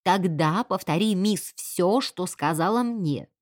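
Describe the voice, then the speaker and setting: A woman reading an audiobook voices a sensible woman servant who scolds firmly in a lowered voice. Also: animated, a little slow, warm tone, slightly rough, no echo, studio quality. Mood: stern.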